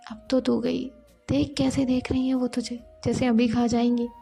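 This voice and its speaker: Blunt, gossipy young woman coworker, quick remarks, voiced by a woman with a high, gravelly edge. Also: little pitch movement, mellow, soft background music.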